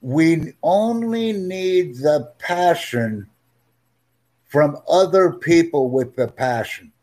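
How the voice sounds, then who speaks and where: Using slow, clear teaching talk, this male English tutor pitches his voice a little high and sounds somewhat mellow. His intonation is lively, and he stays friendly while repeating points emphatically.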